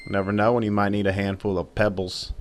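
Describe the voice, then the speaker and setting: A man's voice: fairly low pitch, level tone, fairly quick, noisy background. A man narrating a video game playthrough in a casual, irreverent, joking way with plenty of swearing. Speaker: let's play narrator. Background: game music.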